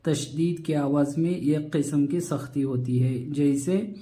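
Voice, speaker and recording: A man teaching a Quran recitation lesson, spelling out syllables slowly and patiently repeating each rule, with nasal humming on doubled letters. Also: on the high side, dark tone. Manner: patient, repeats rules step by step.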